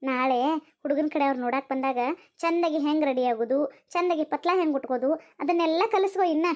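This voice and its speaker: A rustic cartoon mother with a North Karnataka Kannada accent, worried about marrying off her daughter, voiced by a woman. She nags and lectures in a very high, thin voice. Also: fast talker, a little mellow, close to an everyday voice. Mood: lecturing. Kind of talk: cartoon voice acting.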